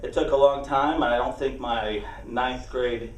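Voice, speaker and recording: Distant mic, echoing room, male coach, mid-pitched voice, unscripted banquet speech, halting phrasing. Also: steady tone, a little hiss or hum. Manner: halting, off-the-cuff delivery. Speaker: college soccer coach. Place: large banquet room, speaking to a gathering. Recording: roomy echo, distant microphone.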